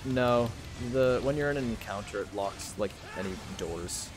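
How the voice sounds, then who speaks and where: Excitable man chatting over a game. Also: fairly low pitch, music in the background. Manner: excitable, quick to laugh. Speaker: gamer. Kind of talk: casual gaming chat.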